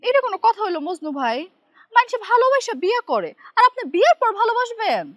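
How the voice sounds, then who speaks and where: An actress playing a feisty, sharp-tongued young village woman. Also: very high-pitched, sing-song, quick pace. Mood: teasing. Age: young adult. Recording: background music.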